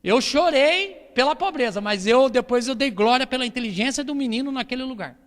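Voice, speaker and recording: During a church service, a man with a Brazilian Portuguese accent gives a sermon built around a Bible reading, pushing hard with repetition and rhetorical questions. His extremely high, slightly bright voice moves with lively intonation and a little fast, echoing in the hall's long reverb.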